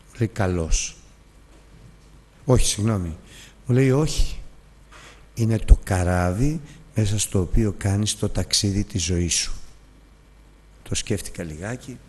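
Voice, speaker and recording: A man teaching a Bible lesson as a sermon, telling stories with lively, emotional acted dialogue. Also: lowish voice, slightly rough, in a large hall. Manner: emotional storytelling, acts out dialogue.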